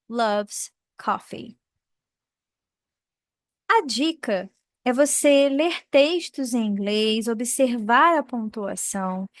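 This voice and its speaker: A woman teaching English punctuation to Portuguese speakers, drawing out each example word slowly and carefully. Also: a little high, no room sound, clean studio sound. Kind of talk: explaining English punctuation in a lesson.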